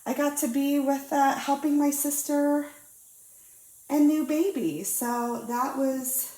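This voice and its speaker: Her voice sits high, a little nasal and congested from a cold, as this young diamond painting host talks slowly and casually about crafting. She's friendly, relaxed and chatty, full of ums and uhs, and the sound echoes around a roomy space.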